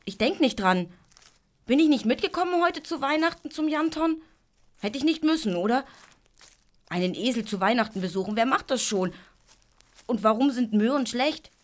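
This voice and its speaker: Actress as a teasing, down-to-earth young boy in a kids' audio play, lively, swooping delivery. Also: on the high side, moderate pace, long pauses, close to an everyday voice. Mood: defensive. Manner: exasperated and lively. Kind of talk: children's radio play.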